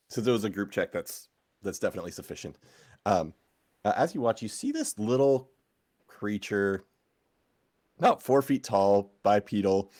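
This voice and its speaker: A man running a tabletop game, describing scenes casually and pausing on fillers. His voice is very low but moves up and down in a lively way. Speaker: game master.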